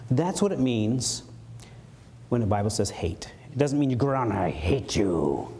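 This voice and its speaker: A man preaches a sermon in a church, his pitch leaping and falling as he acts out mock quotes. The live stream carries a faint background hiss. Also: dark tone. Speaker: pastor. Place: church sanctuary.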